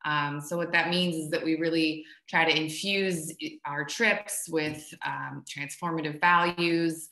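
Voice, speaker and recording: Casual webinar host, woman, 30s, chatty with fillers, sharp tone, laptop mic on a video call. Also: deep voice, fairly even intonation, a little slow, hardly any pauses. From United States. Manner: friendly, chatty, many fillers. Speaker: travel company co-owner hosting a webinar. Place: home room, video call. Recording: echoey room.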